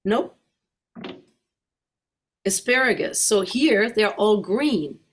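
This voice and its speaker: With a medium-pitched, expressive voice, a slow pace and a breathy edge, a middle-aged German-accented woman presents slides to a club as a guest. She keeps it chatty and questions the audience as she goes.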